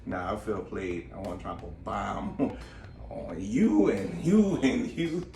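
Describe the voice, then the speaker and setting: A man's voice: on the low side, animated, slow, warm tone. A man co-hosting a casual podcast chat who jokes and laughs often. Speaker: podcast co-host. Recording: roomy, distant mic, faint music.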